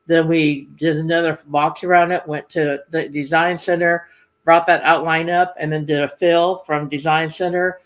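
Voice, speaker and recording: A man with a slightly high voice walks through craft designs in a casual demonstration. He explains as a designer would, in a halting, informal flow. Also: a bit bright, dull audio. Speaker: machine embroidery designer presenting designs.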